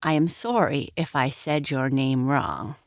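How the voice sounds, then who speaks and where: Slow, low-voiced woman telling bedtime stories. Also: no echo, clean studio sound. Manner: gentle and unhurried, as if tucking children in at bedtime. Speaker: host and narrator of a children's bedtime story podcast.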